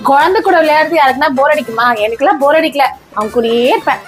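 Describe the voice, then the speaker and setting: A woman plays a doting mother in a homemade family comedy sketch. Her voice sits very high as she coaxes her little son and scolds her older daughter in an even, patient way. Soft music plays faintly in the background. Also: quick pace, close to an everyday voice. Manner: coaxing and gently scolding. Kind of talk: scripted family comedy skit.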